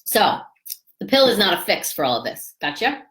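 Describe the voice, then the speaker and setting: A woman's voice: medium pitch, big pitch swings, moderate pace, fairly bright tone. A middle-aged woman acupuncturist giving a casual educational talk on health, now and then reading aloud from her own book, chatty and emphatic with many fillers. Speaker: acupuncturist and fertility author.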